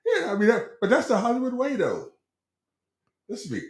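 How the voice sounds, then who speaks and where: A man's voice: very high-pitched, huge pitch swings, a little fast. A middle-aged man co-hosting a casual sports talk show, hedging and stumbling over repeated words as he tells stories. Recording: roomy echo.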